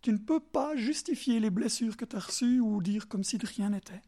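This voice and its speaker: Brief: man, Bernese Jura French accent, preacher, fairly high mellow voice, emphatic delivery. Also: moderate pace. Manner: emphatic, animated, drops to soft asides; talks directly to listeners in second person. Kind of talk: sermon.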